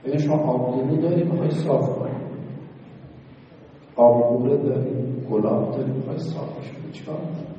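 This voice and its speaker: A man giving a slow, measured religious sermon, asking his listeners rhetorical questions. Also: mid-range voice, dark tone, a little hiss or hum. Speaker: preacher. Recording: distant, echoey hall, dull sound.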